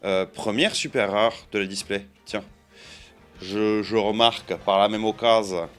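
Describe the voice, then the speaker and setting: A man's voice: on the low side, fairly even intonation, unhurried, fairly bright tone, soft background music. Playful man chatting over card openings. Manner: chatty and playful, counting out cards and joking to viewers. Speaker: card-opening video creator. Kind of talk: casual commentary while opening card boosters.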